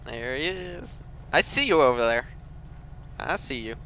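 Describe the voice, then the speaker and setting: A man's voice: mid-range voice, animated, unhurried, vocal fry. A man in character as a sheriff's deputy in a game roleplay, bantering and teasing. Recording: dull lo-fi mic with faint noise.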